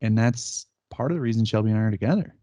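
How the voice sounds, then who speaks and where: A man's voice: lowish voice, fast, mellow, no room sound. A man in his thirties co-hosting a podcast, telling stories in casual chat and laughing often as he acts out quotes. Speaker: podcast co-host. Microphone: remote call setup.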